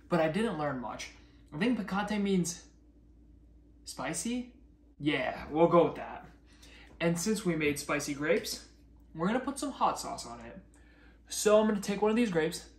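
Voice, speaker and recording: A young man chatting upbeat to camera as a food vlogger, talking while he chews. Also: a little high. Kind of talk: casual chat to camera. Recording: echoey room with faint music.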